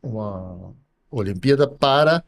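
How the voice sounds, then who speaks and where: A middle-aged man with a somewhat low voice speaks as a professor guest on a podcast. He explains at an unhurried pace, pausing often and checking in with small tag questions. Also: lively intonation, vocal fry. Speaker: computer science professor guest. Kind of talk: podcast interview.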